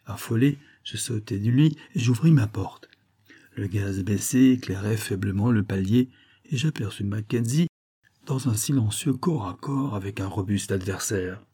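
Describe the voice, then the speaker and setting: A man narrating a novel in the first person, steady and measured. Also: on the low side, slightly rough. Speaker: audiobook narrator.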